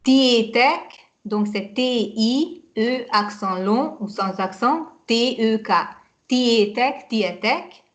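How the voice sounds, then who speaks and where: Woman teaching slowly over a call. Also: on the high side. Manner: spells words out letter by letter, patient and corrective. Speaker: Hungarian teacher. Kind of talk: language lesson over video call. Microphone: video call.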